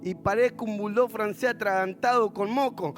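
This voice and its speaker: A man's voice: sits high, moderate pace, faint music behind. A man with a Rioplatense accent preaching a sermon as pastor, telling stories with humor and acting out the voices of others. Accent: Rioplatense Spanish. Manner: animated storytelling with humor, acting out quoted voices.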